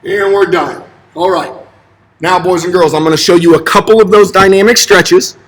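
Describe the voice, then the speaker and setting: A young male PE teacher at an elementary school, high-pitched and fairly bright, speaks at normal speed while showing children a fitness routine. He stays upbeat and encouraging, keeping his directions simple and short. His voice echoes through a large, empty indoor gym, caught by a camera mic a few steps away.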